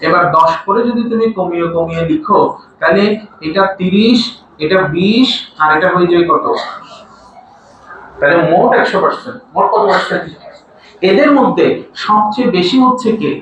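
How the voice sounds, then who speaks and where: A man teaches a classroom lecture, regularly asking his students to repeat answers back to him. His voice sits somewhat high. It carries through a very echoey room, caught from a distance with steady background noise. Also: normal speed, pauses often. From Bangladesh. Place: large classroom. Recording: echoey room from far off, noisy.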